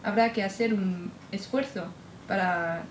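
Blunt Argentine waitress, played by a woman, Argentine Spanish accent, indignant manner, mid-pitched voice, roomy echo, faint background ambience. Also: measured pace, a little hiss or hum, natural voice. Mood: lecturing. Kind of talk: audiobook drama acting.

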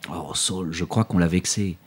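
A man's voice: sits low, moderate pace, breathy edge. A man playing a wry father with a dry, teasing sense of humor in an audiobook drama. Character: wry, easygoing adult father, fond of dry jokes.

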